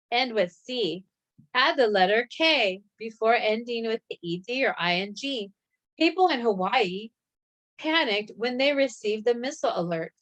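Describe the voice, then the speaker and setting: Woman, higher voice, reads a grammar lesson in a measured, even way. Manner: reads slowly and evenly, spelling out letters. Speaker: grammar instructor. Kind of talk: scripted lesson narration.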